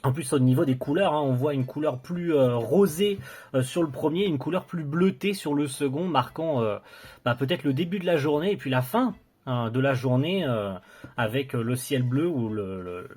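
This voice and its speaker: A man's voice: a little high, a little mellow, slightly rough. A young man casually reviewing a collector's box set, enthusiastic but hesitant, with many fillers and restarts.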